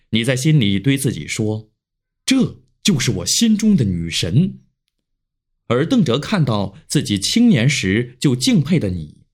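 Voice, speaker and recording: Male storyteller, mid-pitched, emotive reading with a wide swinging melody. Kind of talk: expressive story narration.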